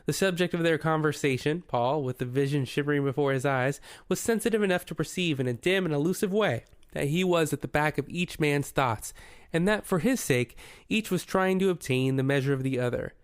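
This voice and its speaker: A man narrating a novel in a measured, even storytelling manner. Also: a little high, smooth, dry recording, studio quality. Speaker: audiobook narrator. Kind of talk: scripted narration.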